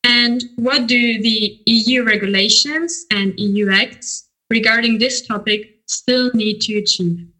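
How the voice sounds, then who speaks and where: A woman from Germany co-hosting a podcast, asking interview questions in a halting way with fillers. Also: fairly high pitch, pushed and bright, poor audio. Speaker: podcast co-host.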